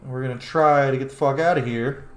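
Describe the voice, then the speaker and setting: A gaming streamer gives casual let's-play commentary, thinking aloud in an informal, sweary way. His mid-range voice is brisk and fairly even, with roomy echo and faint game music behind it.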